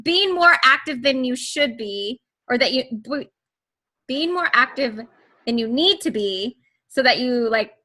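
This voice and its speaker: A woman's voice: high-pitched, lively intonation, unhurried, bright, forceful tone. A woman hosting an interview, asking questions and encouraging her guest with frequent short replies. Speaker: host.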